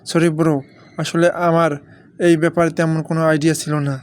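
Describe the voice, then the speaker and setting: A man's voice: on the high side, completely flat delivery, fairly quick, natural voice. A man voicing a nervous, easygoing young man in an audio drama. He speaks in an apologetic, placating way. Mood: uneasy.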